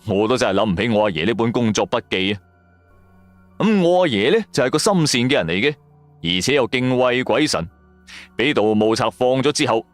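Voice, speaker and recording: Speaking with a Hong Kong Cantonese accent, a man narrates a first-person radio drama story in a colloquial storytelling manner. His voice is medium-pitched and has no room sound. Music runs in the background.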